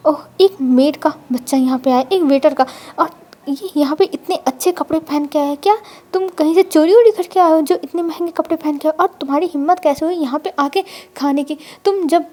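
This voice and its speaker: A woman voicing a snobbish, quick-tempered rich young woman who talks down to others with contempt in a storybook retelling. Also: mellow, natural voice. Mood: furious. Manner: shrill, contemptuous.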